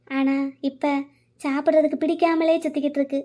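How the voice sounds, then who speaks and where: A woman's voice: high voice, flat delivery, brisk, dark tone, close to an everyday voice. A woman voicing an older grandmother in a cartoon, motherly and anxious, soothing the people around her. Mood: worried.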